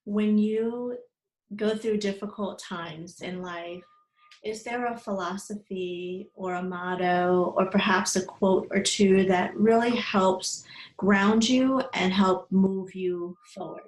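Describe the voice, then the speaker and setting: A woman hosting an interview, asking measured questions. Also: mid-range voice, fairly even intonation. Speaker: interview host. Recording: echoey room.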